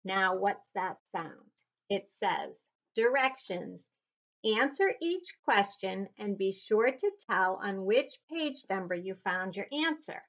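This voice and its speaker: A woman's voice: mid-range voice, lively intonation, slow pace, a bit bright, dull audio. A woman teacher reading a storybook aloud to her class and then giving them patient, encouraging instructions.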